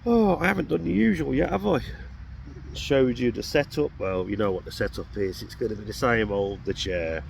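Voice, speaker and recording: A man's voice: medium pitch, moderate pace, a little hiss or hum. A man, chatting casually to camera at a night camp by a road, rambling with self-mocking asides. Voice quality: croaky. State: croaky throat. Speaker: camping vlogger. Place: outdoors at an urban roundabout camp at night.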